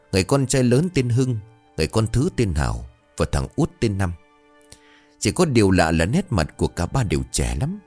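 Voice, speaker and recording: A man narrating a scripted horror story in a dramatic, expressive way. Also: low-pitched.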